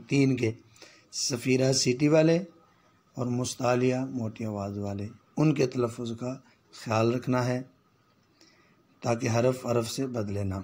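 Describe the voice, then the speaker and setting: A man teaching children to read Arabic letters, calling out each sound slowly for them to repeat. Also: mid-range voice, a little mellow. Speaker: Quran reading teacher. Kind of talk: call-and-response phonics lesson.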